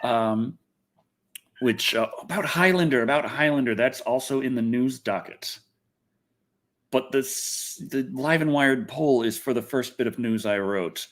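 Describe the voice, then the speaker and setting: A man speaks a little slowly in a medium pitch as host of an easygoing livestream about games and movies. He's animated and rambling, and he often stops himself partway through a thought.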